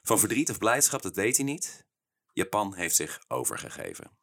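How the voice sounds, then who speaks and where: Man, podcast storyteller, bright tone, animated delivery. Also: normal speed. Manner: animated, laughs often, leaps up in pitch for quoted outbursts.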